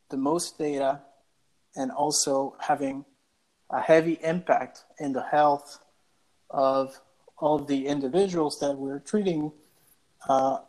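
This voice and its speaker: Hesitant young man, slightly high voice. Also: poor audio. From El Salvador. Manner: hesitant, many uh fillers and repeated words. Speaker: guest cardiologist. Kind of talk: casual interview answers.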